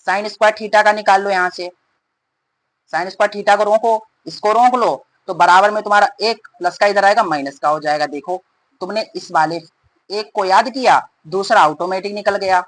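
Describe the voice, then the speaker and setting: A male math teacher explaining formulas in a rapid, repetitive way and calling his students "beta". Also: sits high, a bit bright, rough recording. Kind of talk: fast classroom explanation.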